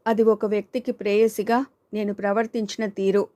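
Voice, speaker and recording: A woman voicing Shyamala, a stern middle-aged mother who argues in a measured, firm way, in an audiobook reading. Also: medium pitch, level tone, dark tone, no echo, close to an everyday voice.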